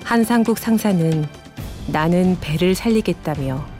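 Female narrator, mellow dark tone, lowish pitch, scripted documentary, faint guitar music. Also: unhurried.

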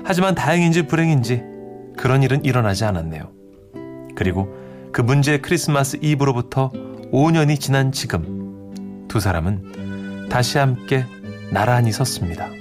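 A man narrating a story in a gentle storytelling manner. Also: medium pitch, expressive, normal speed, pauses often. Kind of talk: scripted narration. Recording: soft guitar music behind.

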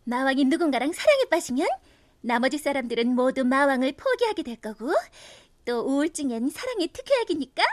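Plucky young mage girl, high voice, very expressive audio drama heroine. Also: fairly quick. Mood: puzzled, eager. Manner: expressive, exclamatory. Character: spirited, outspoken young heroine, a mage's pupil. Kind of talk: animated audio drama acting.

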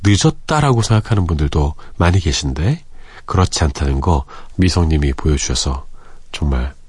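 A man in his forties with a deep, husky voice hosts a late-night radio show from a studio. He reads listener messages in an easygoing, chatty way, and his pitch moves up and down a lot as he talks. The close studio mic sounds dry, with no room echo. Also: lively intonation, moderate pace. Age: 40s. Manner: easygoing and chatty, with soft breathy asides. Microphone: close studio microphone.

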